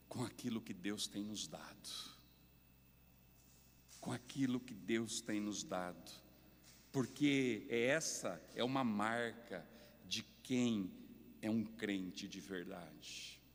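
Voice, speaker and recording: A man with a Brazilian Portuguese accent preaching a sermon as pastor, deliberate and emphatic, his voice rising on key points. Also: on the low side. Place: church sanctuary. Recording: long reverb of a church hall.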